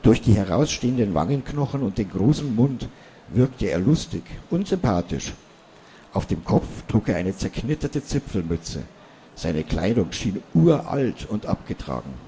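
A man calmly reading a children's story aloud. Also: on the low side, a little slow, a little hiss or hum.

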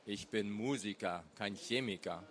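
A man voicing a grumpy husband in a wheelchair in a storybook reading, low and grumbling. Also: steady tone, moderate pace, natural voice.

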